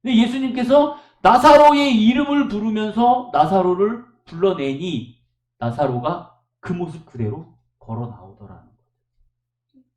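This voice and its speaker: A man's voice: sits high, a little slow, darkish tone, reverberant. A male pastor preaching a sermon at a church service, telling stories emphatically and asking the congregation rhetorical questions.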